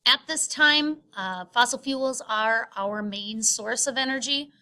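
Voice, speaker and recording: A woman teacher narrating a screen-recorded lecture, explaining step by step in a halting way with frequent filled pauses. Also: a little high, sharp tone. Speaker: science teacher. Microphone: screen recording voice-over.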